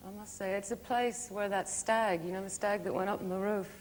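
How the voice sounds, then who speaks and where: A woman, a guest on a TV talk show, giving relaxed, brief answers. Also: medium pitch, brisk. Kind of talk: casual chat. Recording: TV studio audio with long reverb and faint hiss.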